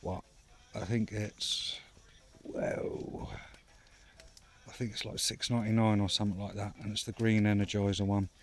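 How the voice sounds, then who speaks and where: At a night camp, a bushcraft vlogger chats casually from his hammock, peppering his talk with fillers and banter. His fairly low voice stays level at a normal speed, with a little hiss or hum audible.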